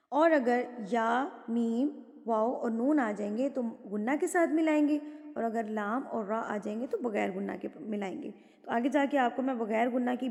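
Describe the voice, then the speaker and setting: A woman teaching Quran recitation rules, patiently explaining step by step and reciting verses slowly. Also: a little high, warm tone, in a large hall. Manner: patient, explains step by step and asks and answers her own questions.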